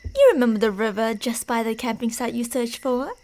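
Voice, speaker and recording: Pitched on the high side with a darkish tone, this woman speaks fairly quickly. Her ASMR horror roleplay casts her as a teasing, delusional yandere stalker, and she follows her prey's path in a playfully menacing narration that slips into whispers.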